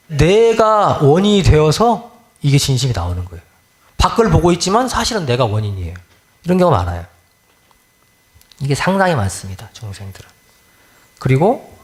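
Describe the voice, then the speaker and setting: Lively questioning male minister. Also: fairly high pitch. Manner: asks the listeners many questions, acts out everyday grumbles. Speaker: Won-Buddhist minister. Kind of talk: conversational dharma talk.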